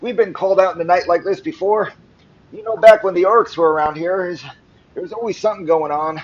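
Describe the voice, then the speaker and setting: A man's voice: high-pitched, fairly quick, lo-fi sound, pitched above the performer's own voice, lightly acted. A man voicing an overly talkative old male cobbler who rambles on and spits as he talks. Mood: rambling. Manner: rambling, prattling on. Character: chatty spitting old male cobbler villager.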